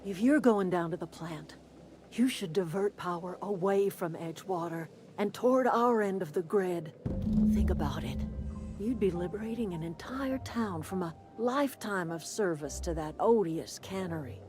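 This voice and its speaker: An actress plays a proud old settlement matriarch in a video game, her voice pitched low. She is folksy and dry, with a sharp, defiant tongue, and music plays prominently behind her. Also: expressive, normal speed, natural voice. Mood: defiant, persuasive. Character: proud, defiant old grandmother leading a settlement, wryly sardonic.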